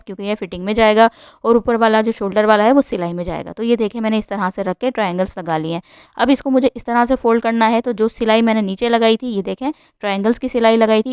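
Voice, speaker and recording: A woman narrating a step-by-step sewing tutorial in a hurried, instructive way, often repeating "like this" as she shows each step. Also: mid-range voice, a little mellow, clear, resonant tone, no room sound.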